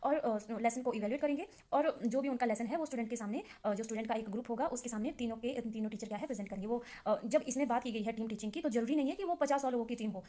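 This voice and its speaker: A fast-talking young woman runs through revision notes like a trainee teacher, her voice sitting a little high. She explains in a loose, chatty way, full of fillers and restarts. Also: dark tone. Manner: chatty explaining with many fillers, reads English definitions slowly. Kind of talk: casual exam-revision lesson.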